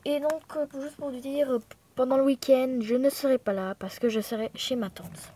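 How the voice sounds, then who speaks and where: Une jeune femme originaire de Thaïlande, bavarde et dispersée, pleine d'hésitations et d'excuses, filmée au téléphone dans son appartement. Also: female voice, sits high, fairly even intonation, moderate pace, dark tone, slight background noise. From Thailand. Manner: chatty, scattered, lots of fillers and apologies. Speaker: vlogger. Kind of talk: casual chat to camera. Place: apartment room at home. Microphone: phone held in hand.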